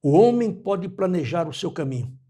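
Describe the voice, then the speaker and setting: A man in his eighties from Brazil, speaking as an interview guest in a measured, reflective way and quoting scripture and proverbs. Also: high-pitched, sing-song, warm tone. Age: 80s. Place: his home.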